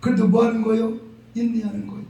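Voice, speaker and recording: A middle-aged pastor from the region, preaching a humorous, folksy sermon sudden loud bursts. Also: male voice, extremely high pitch, level tone, fast, gravelly, lo-fi sound. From Jeolla, South Korea. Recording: echoey hall, distant mic, faint noise.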